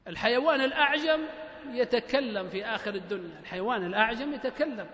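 A man's voice: extremely high pitch, animated, fast, fairly bright tone. A man with a Libyan Arabic accent giving a religious lecture in a mosque, talking rhetorically, repeating phrases and prodding the listeners with short questions. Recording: echoey hall, slightly dull lo-fi recording.

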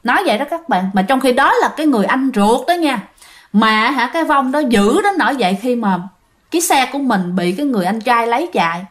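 A woman's voice: a little high, lively intonation, fast. Chatty woman storyteller. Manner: chatty, addresses listeners directly, with fillers. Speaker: ghost story narrator. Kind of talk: casual spoken storytelling.

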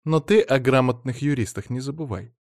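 A man's voice: mid-range voice, a little fast, creaky, dry recording, clean studio sound, voice pushed up, lightly acted. A man voicing a shrewd, practical middle-aged mother in an audiobook, raising his voice to play her. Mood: advising. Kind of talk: audiobook reading.

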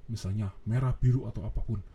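A man's voice: fairly low pitch, fairly even intonation, quick pace, dark tone, slightly rough, highs cut off. A man, a trainer recounting a coaching session as he walks listeners through the steps and counts down. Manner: recounts sessions, playing both himself and client; counts down and gives step-by-step instructions. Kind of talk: recorded seminar talk.

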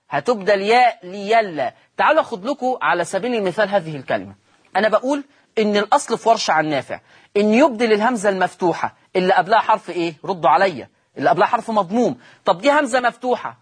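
A man with an Egyptian accent teaching Quran recitation rules on a televised lesson, repeating each rule slowly and quizzing his listeners. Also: high voice, lively intonation, slightly rough. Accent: Egyptian Arabic.

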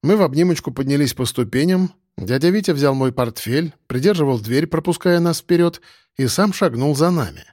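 A man narrating a first-person audiobook in a wry, lively way. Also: fairly high pitch, moderate pace, dry recording, studio quality.

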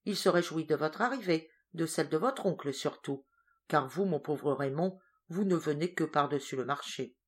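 A woman voicing a confident, teasing young woman of twenty-three in an audiobook, speaking in a brisk, self-assured way. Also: deep voice, slightly rough.

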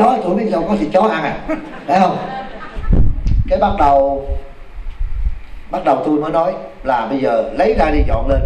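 Monk, talks quick, kinda high voice, sounds far off in a noisy echoey hall. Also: male voice. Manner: animated, exclaims to the audience. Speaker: Buddhist monk teacher. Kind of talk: storytelling dharma talk.

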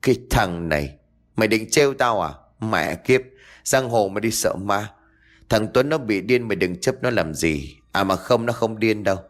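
A man's voice: on the low side, animated, normal speed, close to an everyday voice. A man voicing a coarse, bullying male gangster in a ghost story. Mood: mocking. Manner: gruff, coarse, mocking.

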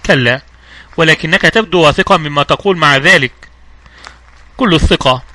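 A man's voice: fairly high pitch, moderate pace, sharp tone. A man reading the part of a shaken male doctor. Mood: tense.

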